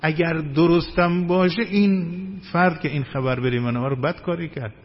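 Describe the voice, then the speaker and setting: Guy preaching a sermon, kinda high voice, measured, dull lo-fi recording with a bit of hiss. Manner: measured preaching, rising and falling emphasis. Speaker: cleric. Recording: dull lo-fi recording with faint ambience.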